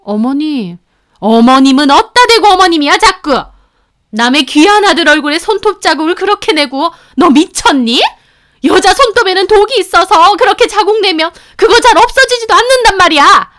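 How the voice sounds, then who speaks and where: A woman's voice: sits high, moderate pace, pitched above the performer's own voice, lightly acted. A woman voicing a scornful middle-aged rich mother who shrieks and belittles. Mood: shrieking.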